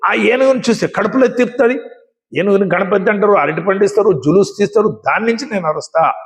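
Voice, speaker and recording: A man's voice: high-pitched, quick pace, big-room sound. A man voicing a jealous dog who complains that he barks because the honored elephant makes his stomach churn. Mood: resentful. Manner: resentful, complaining.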